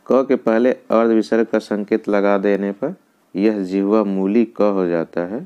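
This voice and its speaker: A man teaching a grammar lesson in quiz form, asking each question and then answering it himself, repeating the key points slowly. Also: fairly low pitch, fairly even intonation, warm tone, clear, resonant tone, highs cut off.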